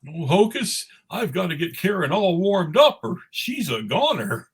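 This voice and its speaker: A man plays a big-hearted cartoon snowman with a high, slightly husky voice. He is naive and eager, exclaiming like a child, with pitch that leaps all over. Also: sing-song, a little slow, full character voice. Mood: worried, urgent. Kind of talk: cartoon table read.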